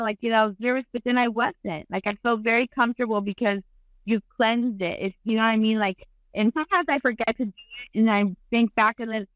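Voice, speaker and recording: A woman's voice: on the high side, a bit bright, dry recording, rough recording. A woman guest on a podcast, chatting candidly in a rambling, bawdy, giggly way. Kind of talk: candid casual chat.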